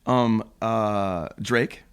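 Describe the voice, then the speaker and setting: A man on a podcast as a guest, chatting casually and telling animated stories, acting out what people said and laughing often. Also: fairly low pitch, drawn-out words, smooth. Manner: animated storyteller, acts out quotes, laughs often. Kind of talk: casual chat. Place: apartment room.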